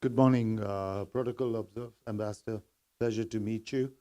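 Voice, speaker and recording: Mellow-voiced man from Uganda pitching property. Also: fairly even intonation. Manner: brisk, confident sales talk. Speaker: real estate company executive. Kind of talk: business pitch speech.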